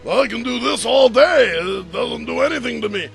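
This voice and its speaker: A man's voice: very high-pitched, expressive, normal speed, gravelly, a bit bright, soft background music. A man hosting a live internet show in casual chat, rambling and joking between songs. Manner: jokey, rambling, breaks into laughs and impressions. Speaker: host.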